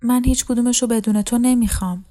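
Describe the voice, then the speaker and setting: A woman voicing a desperate young woman who pleads tearfully in a higher voice, in a storybook reading. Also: steady tone, warm tone, soft background music, close to an everyday voice. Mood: pleading. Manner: pleading, pitched up.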